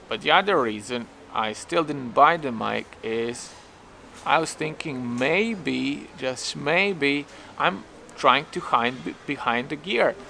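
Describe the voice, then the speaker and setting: Waiting outdoors for a taxi, a young Serbian-accented vlogger muses to camera in a hesitant, self-questioning way, frequently starting his sentences over. His mid-range voice has vocal fry and sounds pushed and bright, with a little hiss or hum in the audio.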